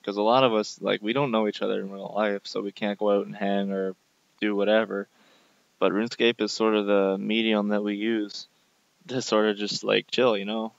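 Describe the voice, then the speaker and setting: A man's voice: lowish voice, level tone, normal speed, creaky, no echo. A young man in an informal, exasperated rant, complaining emphatically on a dull, lo-fi recording. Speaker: gaming video creator. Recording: dull lo-fi dry microphone.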